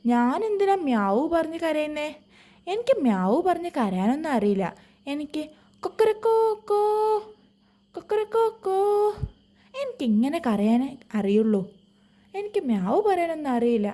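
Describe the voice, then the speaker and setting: Give me a woman playing a proud cartoon rooster, mellow but animated, crowing. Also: high voice, moderate pace. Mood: indignant. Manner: indignant, crows loudly. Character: boastful male rooster who only crows.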